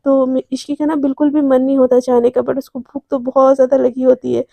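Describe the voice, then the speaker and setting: High-voiced woman telling a story. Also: flat delivery, a little fast, creaky, dark tone, dry recording. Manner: chatty, voices the characters' lines herself. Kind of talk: casual storytelling narration.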